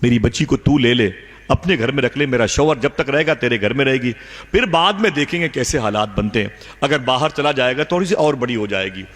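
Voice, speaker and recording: A man's voice: mid-range voice, expressive, brisk, a bit bright, long reverb tail, pitched above the performer's own voice, lightly acted. A man voicing a grieving young mother who pleads for her daughter's life, in a plain storytelling voice. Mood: pleading.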